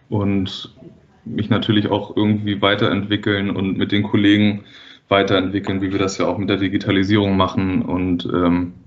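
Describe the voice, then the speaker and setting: A man from the Hamburg area in his thirties, a freight dispatcher answering interview questions casually, hesitant with many fillers and quick to laugh. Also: fairly low pitch, muffled recording. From Hamburg area, Germany.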